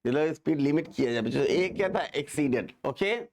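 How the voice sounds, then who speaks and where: थोड़ी ऊँची आवाज़ वाला एक पुरुष शिक्षक, कक्षा में जोश और मज़ाक के साथ पढ़ाता हुआ। बार-बार छात्रों से सवाल पूछता है और शब्द दोहरवाता है।. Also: male voice, fairly high pitch, fairly quick. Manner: animated, joking, asks students to repeat. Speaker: teacher. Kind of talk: lively classroom lesson.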